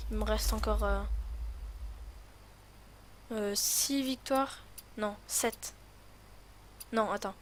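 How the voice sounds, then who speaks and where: A woman's voice: mid-range voice, fairly even intonation, very slow, pauses often, slight background noise. A woman with a lisp on her s sounds, rambling and thinking aloud in casual commentary as she hosts a gaming video.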